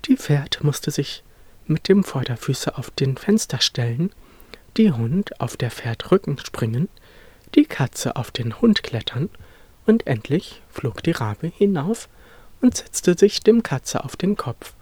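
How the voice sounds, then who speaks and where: A narrator reading a fairy tale aloud in an expressive storytelling manner. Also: mid-range voice, slow, breathy edge, no echo.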